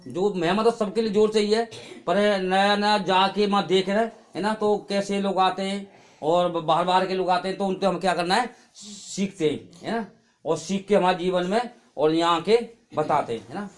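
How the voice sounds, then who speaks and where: A man's voice: sits high, moderate pace. A middle-aged man giving a spoken testimony at a church gathering. He tells his story in a chatty way and keeps adding tag questions. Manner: chatty storytelling with frequent "hai na" tags. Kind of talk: spoken testimony at a prayer meeting.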